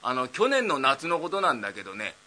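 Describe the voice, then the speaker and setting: A man's voice: medium pitch, big pitch swings, fairly quick, bright, forceful tone. A man doing a dopey idle young man. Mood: rambling. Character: dim-witted idle young man nearly thirty. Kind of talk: rakugo storytelling.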